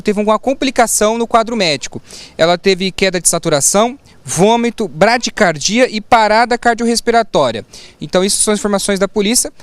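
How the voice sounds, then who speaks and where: A Brazilian man reports live in a high, smooth, resonant voice. The sound is dry and close. He delivers the facts briskly, stumbling now and then. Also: no room sound. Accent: Brazilian Portuguese. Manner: brisk, matter-of-fact reporting with occasional stumbles. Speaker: field reporter.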